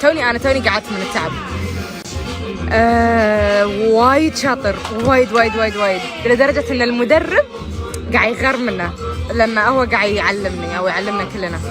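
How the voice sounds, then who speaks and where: A woman's voice: a little high, fast talker. A woman with a Gulf Arabic accent chatting casually, repeating words and phrases for emphasis. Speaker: social media vlogger. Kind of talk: casual chat. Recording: music and busy background chatter.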